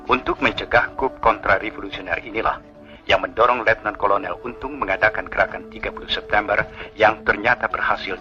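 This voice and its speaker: A man from Indonesia reading an official statement in the formal, solemn, measured style of an old 1960s radio news bulletin, like a newsreel announcer. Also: lowish voice, sharp tone. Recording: muffled 1960s archival radio broadcast, music behind.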